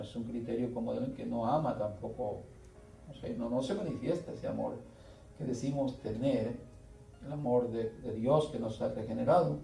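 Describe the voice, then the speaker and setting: Earnest preacher in an echoey church. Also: male voice, mid-range voice, creaky, mellow. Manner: slow, earnest, with pauses and restarts. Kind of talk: sermon. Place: church hall. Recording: echoey church room, voice from far off, faint music.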